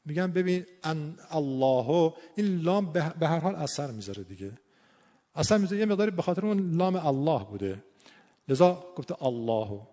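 A man teaching Quran recitation rules, explaining how errors are scored and slowly demonstrating each sound. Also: fairly high pitch, big pitch swings, dark tone. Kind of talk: tajwid lesson on scoring recitation. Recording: long hall reverb.

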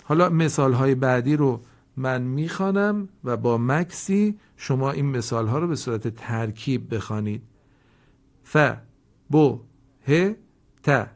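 A man teaching Quran reading, spelling words letter by letter and vowel by vowel, then reading each whole word slowly, with polite, formal classroom address. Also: mid-range voice, expressive. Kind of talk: slow instructional lesson.

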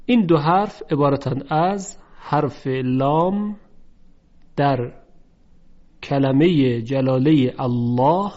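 A man teaching a lesson on Quran recitation rules, speaking slowly and carefully and drawing out the example words in chant. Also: medium pitch, a little mellow. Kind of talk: tajweed lesson. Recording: dull lo-fi recording.

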